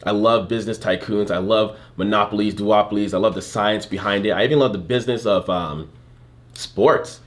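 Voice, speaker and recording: A man with a fairly low voice hosts a casual podcast. He jokes and teases his guests brashly and keeps the chat moving. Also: normal speed. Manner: brash, joking, teasing banter. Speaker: podcast host.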